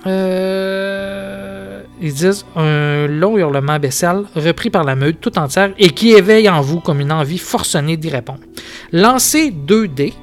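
Québécois man reading a gamebook aloud. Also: a little high. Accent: Québécois French. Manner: dramatic narration broken by casual spoken asides. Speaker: podcast host.

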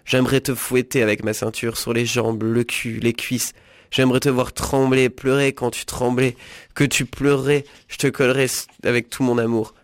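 A man voicing a rough, violent, jealous male dishwasher who drinks, read in a flat, low-key way close to his own voice. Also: moderate pace, no room sound, lightly acted. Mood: leering.

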